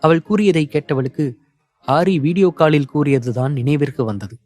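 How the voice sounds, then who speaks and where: A man's voice: on the high side, no room sound. Man narrating an audio novel evenly. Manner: even, measured storytelling.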